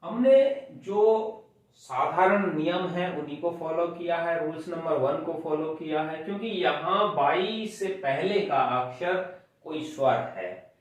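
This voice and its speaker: A man's voice: a little high, slow. A man teaching English grammar, explaining rules step by step and counting syllables aloud, recorded far from the mic. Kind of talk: classroom grammar lesson. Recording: very echoey room, voice far from the mic.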